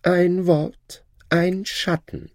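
A man doing a smug, high-voiced shadow gentleman. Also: flat delivery, very slow, no echo, studio quality, exaggerated voice. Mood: boastful. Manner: smug and showy, high-pitched put-on voice. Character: boastful, newly rich male shadow turned gentleman.

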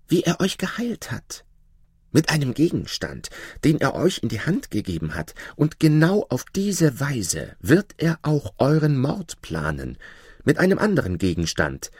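A man voicing a scheming, envious court vizier who flatters and presses his point insistently, in a storybook reading. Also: mid-range voice, breathy edge, no room sound, clean studio sound, full character voice. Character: scheming envious male vizier, smooth-tongued.

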